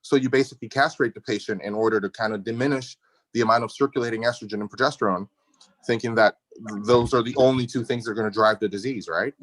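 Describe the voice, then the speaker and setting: The audio is poor but free of room sound as a middle-aged man from the Dominican Republic, a guest endometriosis surgeon, talks fast in a lowish voice. It's an informal medical conversation on a video call. He comes across as emphatic and opinionated, dropping in slangy asides.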